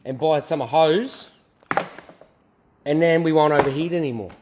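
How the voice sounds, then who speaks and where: A man's voice: fairly high pitch, unhurried. Aussie guy rambling in his garage, swears a lot, easygoing workshop chat, faint background hum. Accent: Australian. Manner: rambling and profane, laid-back storytelling. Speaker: car builder and drift driver. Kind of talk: casual workshop vlog.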